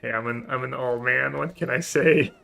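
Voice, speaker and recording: A man streams a card game, chatting casually with his live chat and thinking aloud in short, trailing phrases. His mid-range voice moves at normal speed and sounds creaky, pushed, and bright.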